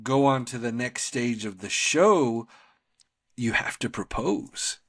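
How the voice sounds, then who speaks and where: A man's voice: mid-range voice, expressive, slow, gravelly, fairly bright tone, breathy edge, no room sound, studio quality. A man co-hosting a podcast, talking casually about TV shows in a rambling, slangy, conversational way. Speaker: podcast co-host.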